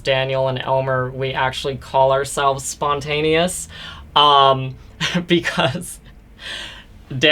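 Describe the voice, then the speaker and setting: A man in his thirties, a guest actor telling stories in a casual interview, open and quick, with playful quoted asides. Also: mid-range voice, fairly bright tone. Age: 30s.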